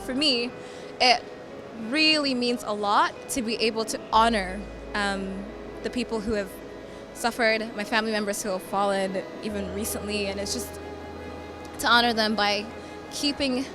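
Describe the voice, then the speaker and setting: This young poet, originally from Sudan and raised in Philadelphia, talks about her poems at a normal speed in a voice on the high side. Reflective and sincere, she often repeats words while thinking. She is a climate refugee advocate, and clear background music runs under her speech.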